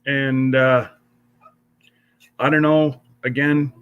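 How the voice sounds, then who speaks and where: Middle-aged male host, congested, drawling and rambling, medium pitch; casual chat to viewers. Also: flat delivery, clean tone, narrow, tinny audio. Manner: slow, rambling, with many fillers. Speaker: livestream host. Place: home.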